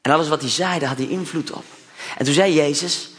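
A man's voice: fairly high pitch, a little fast, husky. A man preaching a sermon, telling a Bible story with chatty asides and acting out the disciples' lines.

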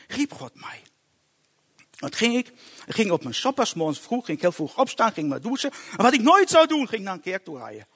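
A man giving an emotional personal conversion testimony in a halting storytelling way, often restarting his words. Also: high-pitched, pushed and bright, slightly rough. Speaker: testimony speaker.

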